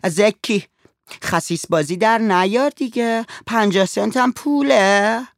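A man's voice: high-pitched, creaky, no room sound, studio quality, pitched above the performer's own voice. A man voicing a brash, insistent young woman in a storybook reading. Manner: teasing, insistent.

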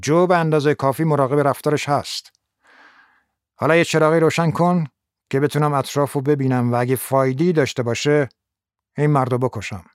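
A man reading the lines of a wary, guarded man holding a gun, speaking slowly and hesitantly in a slightly lowered voice. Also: no room sound, studio quality, lightly acted. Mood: cutting.

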